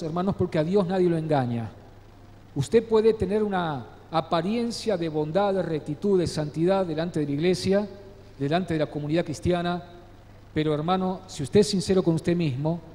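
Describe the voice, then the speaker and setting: A man preaches a sermon in an earnest, direct way, often turning to the congregation with rhetorical questions. His voice sits fairly high but has a dark, mellow tone. It rings out with a long church reverb. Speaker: pastor. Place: church sanctuary.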